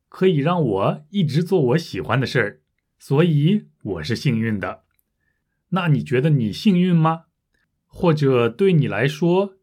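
Patient male Chinese-lesson podcast host. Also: medium pitch. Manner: clear, patient, explains words for learners. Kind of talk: Chinese learner podcast, reading news twice.

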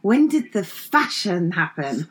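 A woman's voice: on the low side, very animated, slow, a bit bright. A middle-aged woman interviewing a guest in a chatty, teasing, casual way.

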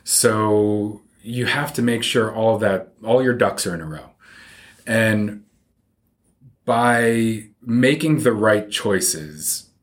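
Speaking slowly in a low voice, this man is a financial advisor being interviewed. His explanations are casual, plain and conversational.

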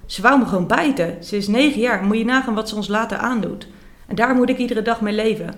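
A woman reading as a furious shouting mother. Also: on the high side, fast talker, roomy sound, lightly acted. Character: angry shouting mother, blaming her daughter.

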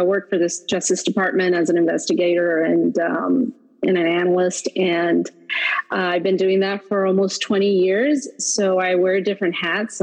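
A woman guest on a podcast speaks in a slightly low voice. She talks haltingly, with many ums and uhs, in casual chat. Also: rough recording. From Texas. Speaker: guest, psychologist.

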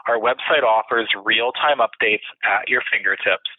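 Husky phone menu man on tinny line. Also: fairly low pitch, normal speed, dry recording. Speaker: recorded phone line announcer. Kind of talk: scripted phone menu announcement. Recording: muffled, tinny telephone line.

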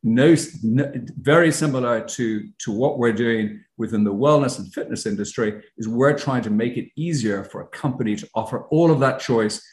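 Speaking at normal speed with hardly any pauses, this Irish founder describes his business in casual interview talk, often using ums and starting over. His medium-pitched voice has a darkish tone, with a roomy echo and slight background noise.

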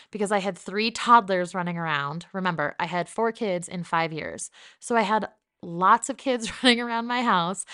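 A woman in her thirties hosts her own podcast, talking to listeners alone in a chatty, candid and upbeat way. Her voice is smooth and clear and sits at an ordinary middle pitch. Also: fairly bright tone. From New Jersey. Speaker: podcast host. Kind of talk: casual solo podcast monologue.

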